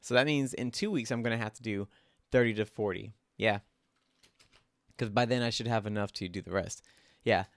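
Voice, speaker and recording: A man's voice: on the low side, moderate pace, long pauses, dry recording. A young man casually talking through his own drawings as host, rambling and self-critical, with lots of "like" fillers. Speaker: artist and channel host.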